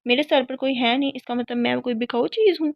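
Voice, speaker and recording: A woman's voice: sits high, creaky, no echo. A woman voicing a defiant young captive woman who talks back in an indignant, sarcastic way. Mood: upset. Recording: dull lo-fi sound.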